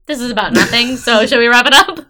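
A woman's voice: fairly high pitch, quick pace, pushed and bright, faint music behind. A woman in her twenties co-hosting a podcast, chatting casually with playful jokes and teasing. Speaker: podcast co-host. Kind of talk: casual chat.

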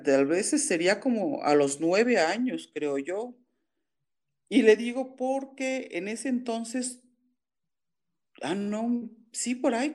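A woman's voice: fairly low pitch, a little mellow. A woman calling in, telling an upsetting family story in an agitated, indignant way with many restarts. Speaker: caller. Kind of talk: emotional phone-in account.

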